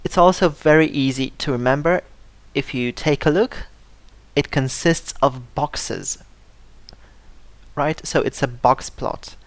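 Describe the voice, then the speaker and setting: Steady, deliberate English teacher, mid-pitched voice, dry close sound, repeats every word list for learners. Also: no room sound. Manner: slow, careful delivery, repeating word lists for learners; stresses syllables to model pronunciation. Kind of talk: scripted vocabulary lesson.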